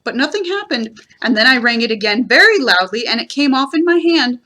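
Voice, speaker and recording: A woman voicing a wordy, self-important male owl in a storybook reading, explaining things with drawn-out emphasis. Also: sits high, big pitch swings, sharp tone, exaggerated voice. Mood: chatty, proud.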